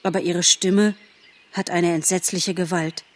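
A woman's voice: lowish voice, level tone, a little slow, natural voice. Gobo, a woman as a boastful young buck. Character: young male deer, boastful and earnest.

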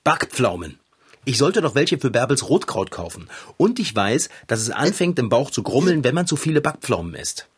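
A man's voice: medium pitch, sing-song, moderate pace, slightly rough. An actor playing a patient, coaxing male bike mechanic in a children's radio play, at times mildly exasperated.

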